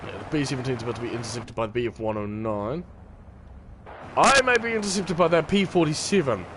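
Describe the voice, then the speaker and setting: Lively, rambling male game streamer. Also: medium pitch, a little fast, background noise. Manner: rambling, laughs often, repeats words. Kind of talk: casual gameplay commentary.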